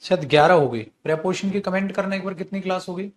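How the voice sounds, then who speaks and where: A man's voice: high voice, fast, a little hiss or hum. A man teaching an online English grammar class, chatty and coaxing, mixing Hindi talk with English example sentences. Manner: chatty, coaxing students with bhaiya and beta. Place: at home or in a studio, drinking tea while teaching.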